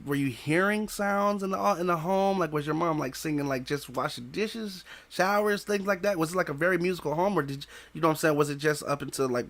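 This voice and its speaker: Man, thirties, podcast host, casual rambling questions, slangy talk, slightly high voice, headset mic. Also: a bit bright. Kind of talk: casual interview. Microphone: headset with studio mic.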